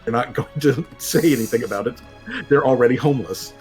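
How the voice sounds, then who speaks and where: A man running a tabletop role-playing game as game master, narrating in a casual, halting and rambling way. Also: mid-range voice. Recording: music playing behind the voice. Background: background music.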